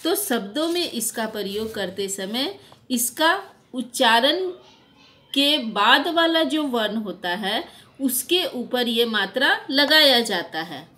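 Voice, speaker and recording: A woman teaching Hindi to young children, speaking slowly and patiently, repeating words and asking the class questions. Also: on the high side, animated, bright, forceful tone.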